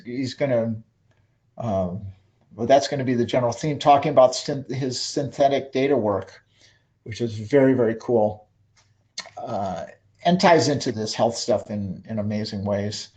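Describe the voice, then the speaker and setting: A man's voice: a little high, darkish tone. A man hosting an online talk, wrapping up with rambling announcements full of ums and restarts over a video call. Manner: rambling, many fillers and restarts. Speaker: webinar host. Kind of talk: casual closing announcements.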